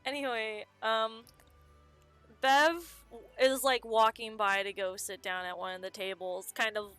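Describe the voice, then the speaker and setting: Slow-talking, bright-voiced woman player. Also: fairly high pitch, fairly even intonation, smooth, no echo, soft background music. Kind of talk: casual tabletop play.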